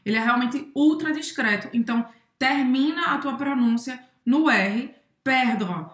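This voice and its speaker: A woman's voice: high voice, unhurried, fairly bright tone, echoey room. A woman from northeastern Brazil teaching a casual French lesson, patiently explaining pronunciation.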